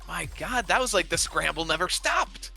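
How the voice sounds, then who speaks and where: A man doing enthusiastic play-by-play for a fighting game tournament, with loud bursts of hype. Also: on the high side, animated, moderate pace, gravelly, soft background music. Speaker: tournament commentator. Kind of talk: esports commentary.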